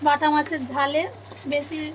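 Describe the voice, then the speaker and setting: A woman narrating a cooking video step by step, calmly addressing viewers as friends. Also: high voice, moderate pace, a little hiss or hum. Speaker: cooking channel host.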